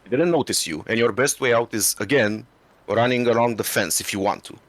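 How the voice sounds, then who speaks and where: A man's voice: mid-range voice, brisk, dry recording. A man acting as game master, patiently explaining the rules and scenes over voice chat. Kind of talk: running a tabletop game.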